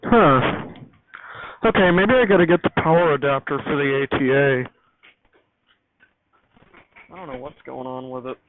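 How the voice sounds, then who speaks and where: An amateur vlogger showing off his home radio studio talks off the cuff while troubleshooting gear, muttering to himself and repeating phrases. His mid-range voice moves at a moderate pace with long pauses, over tinny, phone-like audio with background hiss.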